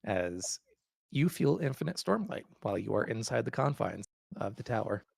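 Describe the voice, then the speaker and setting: A man narrating a tabletop game as game master, with measured, dramatic storytelling. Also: mid-range voice, very animated, gravelly, a little mellow, breathy edge, dry recording, clean studio sound.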